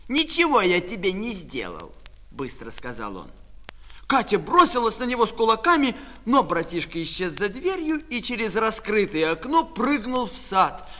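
A man reading a children's story aloud with expressive storytelling. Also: high voice, normal speed, in a large hall. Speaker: narrator.

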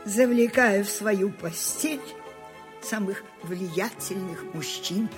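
A woman's voice: mid-range voice, slow pace, over music, lightly acted. An actress playing an imperious, forgetful elderly grande dame who commands and coaxes her secretary in a dubbed film drama. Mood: coaxing. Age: older. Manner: commanding, then coaxing and pleading. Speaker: aging grande dame dictating her memoirs.

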